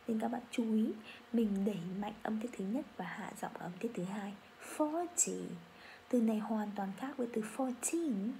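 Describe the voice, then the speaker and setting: A woman with a Vietnamese accent teaching English pronunciation, saying model phrases slowly for learners to repeat. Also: a little high, vocal fry, mellow, slight background noise. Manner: slow, drawn-out model phrases for repetition. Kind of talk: pronunciation lesson.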